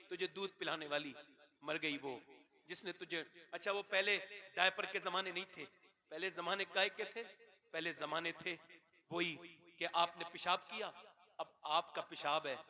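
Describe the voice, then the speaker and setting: A male Islamic preacher telling a story in an emotional sermon, swinging between loud exhortation and hushed, tearful passages. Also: a little high.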